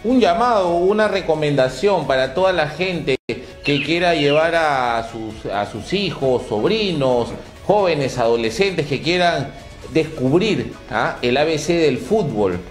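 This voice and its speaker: Upbeat middle-aged TV host, higher voice. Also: male voice, animated, a little slow, reverberant, soft background music. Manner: promotional, addresses viewers directly. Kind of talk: TV interview hosting. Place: television studio.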